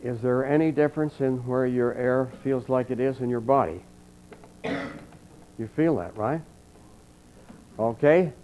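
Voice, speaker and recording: Here an older man at medium pitch speaks a little slowly, pausing often, amid background noise. He's a trumpet teacher at a college clinic before an audience, telling folksy tales and calmly coaching a breathing exercise, preserved in dull lo-fi archival sound.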